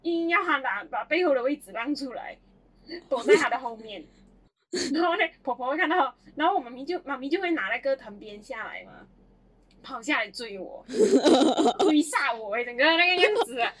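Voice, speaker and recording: A young woman tells childhood stories in a casual chat. Her high voice swings widely, and she laughs often as she goes. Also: normal speed. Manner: animated, laughs often while telling stories. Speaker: podcast co-host.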